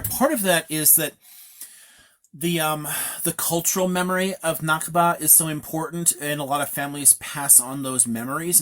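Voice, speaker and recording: Man, host, slightly high voice, rambling live chat, lots of restarts. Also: fairly bright tone. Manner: rambling, many restarts and fillers. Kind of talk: casual live-stream chat.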